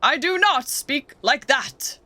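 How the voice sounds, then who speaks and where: A woman voicing a stiff, insecure ringmaster in a game who speaks slowly and formally, like a robot. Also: high voice, animated, bright, forceful tone, pitched above the performer's own voice, heavily acted.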